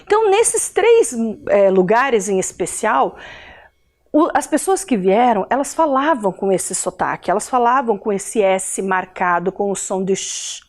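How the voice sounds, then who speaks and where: A woman's voice: mid-range voice, very animated, a little slow. A woman teacher with a Brazilian Portuguese accent from Curitiba, giving a recorded video lesson to adult learners in a chatty way, often checking in with her listeners.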